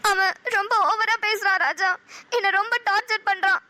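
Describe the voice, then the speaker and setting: A woman's voice: extremely high pitch, steady tone, moderate pace, pushed and bright. A frightened, tearful young woman. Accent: Namakkal Tamil. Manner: tearful, pleading.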